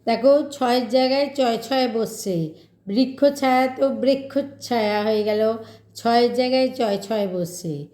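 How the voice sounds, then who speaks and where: A woman's voice: a little high, measured pace, warm tone, echoey room. A woman teacher giving a grammar lesson, patiently asking her students questions and working through examples.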